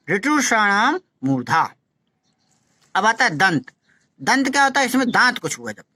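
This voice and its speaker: A male teacher giving a phonetics lesson, who slowly demonstrates each sound, repeats syllables and urges his students to practise. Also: sits high, pushed and bright, no echo.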